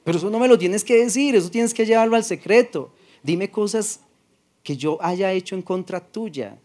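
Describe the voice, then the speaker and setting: A male pastor with a Paisa Colombian accent, preaching in a soft-spoken, conversational way. His voice sits a little high for a man, and he acts out short exchanges with his listeners instead of shouting. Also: normal speed. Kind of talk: sermon.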